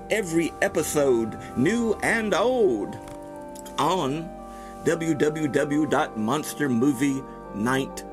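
A middle-aged man playing a genteel, ghoulish horror host, with a hammy, drawn-out, savoring delivery in a theatrical promo monologue. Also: a little high. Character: genteel, ghoulish male vampire-like horror host in top hat. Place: small dressed indoor set.

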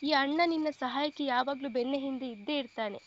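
Lady reading as a soft caring big-brother type, high voice, kinda dull lo-fi audio. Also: fairly quick, slight background noise, close to an everyday voice. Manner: gentle, reassuring, affectionate. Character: caring young man, protective elder brother figure.

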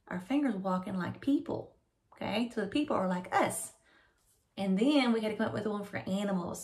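A middle-aged woman kindergarten teacher giving a children's reading lesson in an animated, simply questioning way, as if reading to a toddler. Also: medium pitch. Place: small room at home, indoors.

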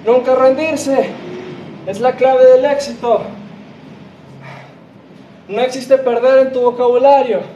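A man's voice: extremely high pitch, steady tone, slow pace, long pauses, dark tone, dull audio, a little hiss or hum. A young man with a Mexican accent coaching a workout, barking counts and encouragement like a gym coach while exerting himself. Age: young adult. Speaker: fitness coach. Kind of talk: live workout instruction. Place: walled home patio, outdoors. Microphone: camera several meters away. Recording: roomy, distant microphone, music behind.

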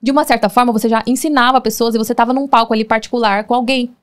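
Apresentadora brasileira animada, fala rápida e aguda. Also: female voice, a little high, racing, smooth. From Brazil. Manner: lively, conversational, leading questions. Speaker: podcast host. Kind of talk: casual interview chat.

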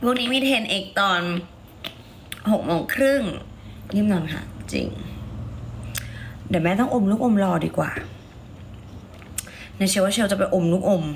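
A hoarse woman with a raspy voice, chatting playfully and coaxing viewers while selling on a livestream. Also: mid-range voice, animated, unhurried, pauses often, slight background noise. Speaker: livestream seller. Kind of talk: casual livestream chat.

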